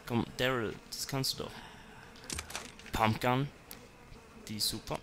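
A man's voice: medium pitch, steady tone, takes it slowly, noisy background. A man commenting on his gameplay, talking to zombies and to himself and swearing when startled. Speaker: let's player.

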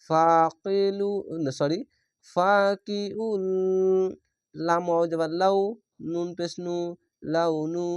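A man teaching Quran reading in Bengali style, spelling out each letter and vowel, then chanting the drawn-out word. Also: on the high side, a little mellow, clear, resonant tone, no room sound, clean studio sound. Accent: Bangladeshi Bengali. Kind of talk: spelling-out recitation lesson.

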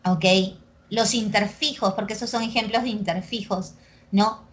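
This recorded class lecture features a pre-university language teacher from Peru, speaking with a Peruvian Spanish accent in a medium-pitched voice. She keeps the class lively and frequently tosses in quick tag questions to make sure students follow.

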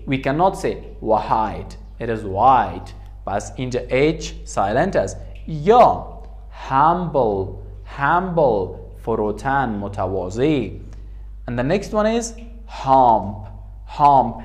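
A man with an Afghan Dari accent teaching an English lesson in a room with a writing board. He says each word slowly and more than once, then translates it. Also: medium pitch, darkish tone. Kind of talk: bilingual classroom lesson.

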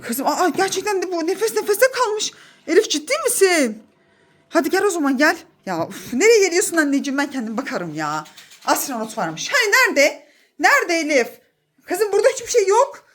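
A woman's voice: extremely high pitch, big pitch swings, brisk, fairly bright tone. A woman in her thirties, a mother filming a family vlog, coaxing her children and talking to viewers in a playful, exclaiming way. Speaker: mother and vlogger.

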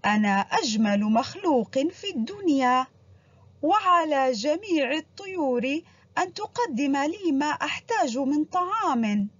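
A woman's voice: high-pitched, big pitch swings, dry recording, pitched above the performer's own voice. Vain boastful peacock, as a woman reads him. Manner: slow, drawn-out storybook reading. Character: vain boastful male peacock, proud king of birds. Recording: dull lo-fi recording.

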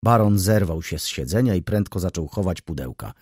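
A man narrating a classic novel as an audiobook in a measured, expressive reading. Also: low-pitched, slightly rough, dry recording, studio quality.

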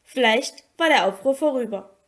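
High-voiced woman reading an audiobook. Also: animated, moderate pace. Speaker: audiobook reader. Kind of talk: audiobook narration.

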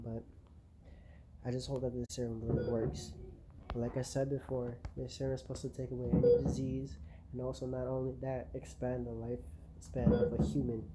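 A young man playing a guilt-ridden doctor in an amateur found-footage diary, talking in a halting, subdued, weary way. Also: medium pitch, close to an everyday voice. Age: young adult. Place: small bedroom, indoors. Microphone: phone at arm's length. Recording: noisy phone recording with clicks.

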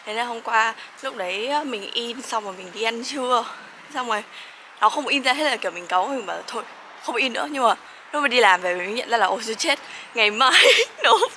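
A woman's voice: a little high, lively intonation, fairly quick, sharp tone, slight background noise. A young woman from Vietnam chatting casually in a student vlog, with lots of fillers and frequent laughs. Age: young adult. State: sleepy. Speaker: vlogger, master's student.

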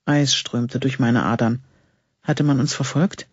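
A man narrating an audiobook in a steady, suspenseful reading style, with a husky voice. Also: mid-range voice, measured pace, no echo. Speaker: audiobook reader. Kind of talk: scripted narration. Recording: dull lo-fi recording.

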